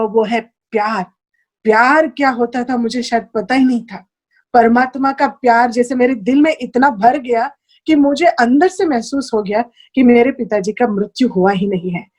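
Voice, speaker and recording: Over a video call, a woman with a high, darkish voice shares an earnest, heartfelt testimony of her own spiritual experience as a guest. She slips English phrases into her speech.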